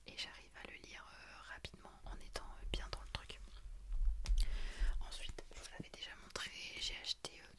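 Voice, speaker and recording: Whispering young woman, ASMR book chat. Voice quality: breathy unvoiced whisper. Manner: hushed library-style whisper, hesitant pauses. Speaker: ASMR creator.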